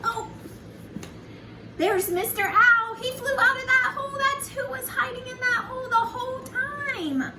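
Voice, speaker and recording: With a very high, bright and forceful voice at a somewhat slow pace, a female early childhood educator and storyteller reads a picture book to young children, lilting along and adding friendly asides to them. The mic is distant, the room echoey, and faint noise sits underneath.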